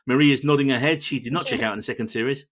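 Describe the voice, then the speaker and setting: A man hosting a casual podcast chat, quick and chatty, swearing freely. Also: mid-range voice, fairly bright tone. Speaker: podcast host.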